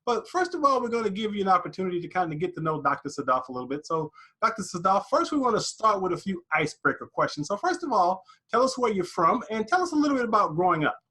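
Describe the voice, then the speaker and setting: A man hosting a podcast interview, upbeat and animated as he introduces his guest. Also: high-pitched, quick pace, hardly any pauses, slightly rough. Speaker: podcast host.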